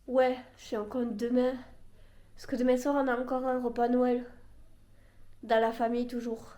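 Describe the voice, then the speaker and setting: A young woman vlogs from home, her regional French accent stronger through a blocked, nasal nose. Her voice sits a touch high, and she rambles in a loose, self-deprecating way. She sounds plainly sick with a cold. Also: little pitch movement, normal speed, warm tone. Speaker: vlogger. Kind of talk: casual vlog chat.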